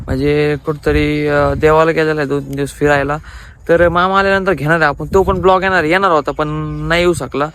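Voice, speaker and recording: A man's voice: fairly high pitch, smooth. Chatty young man vlogging outdoors. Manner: chatty, addresses viewers as friends. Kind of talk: casual vlog chat. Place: rural farmyard and fields, outdoors.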